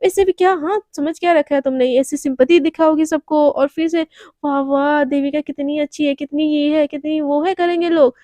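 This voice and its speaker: A woman voicing a cold, proud young office worker in a spoken love story, speaking in a sharp, scolding way. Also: high voice, fairly even intonation, moderate pace, no room sound, close to an everyday voice. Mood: curt.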